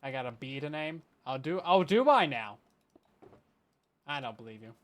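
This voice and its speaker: A man's voice: medium pitch, lively intonation, moderate pace, a bit bright. A man chatting casually with his live chat while he plays a game, playful and laughing often. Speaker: game streamer. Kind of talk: casual live-stream gameplay commentary.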